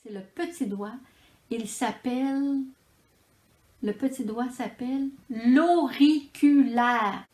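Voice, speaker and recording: A woman with a Quebec French accent teaching preschool children to count syllables, drawing out each word in a slow, sing-song way. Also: on the high side, darkish tone. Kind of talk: children's phonics lesson. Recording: echoey room with background noise.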